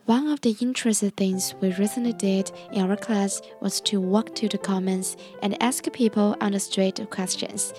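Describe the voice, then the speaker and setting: A woman who is an English language student, reading a scripted narration in a careful, measured way. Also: mid-range voice, fairly even intonation, dark tone, soft background music.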